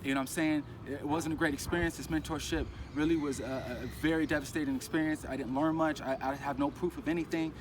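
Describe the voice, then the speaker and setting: A man's voice: a little high, fast talker, hardly any pauses. Man rambling outdoors over street traffic. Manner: rambling, animated, acts out others' lines. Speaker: crypto vlogger. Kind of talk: casual storytelling vlog. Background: traffic noise.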